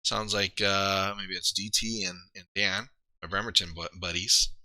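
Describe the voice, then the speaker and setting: A man's voice: low-pitched, fairly even intonation, moderate pace, sharp tone, dry recording. A man streaming live, rambling casually to his viewers, trailing off and poking fun at himself. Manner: rambling, self-deprecating, trails off and restarts.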